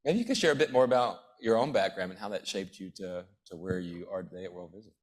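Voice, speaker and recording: A middle-aged man moderates an interview on stage. His voice sits a little low, and he asks his questions hesitantly, with many fillers and false starts. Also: quick pace. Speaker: moderator, professor.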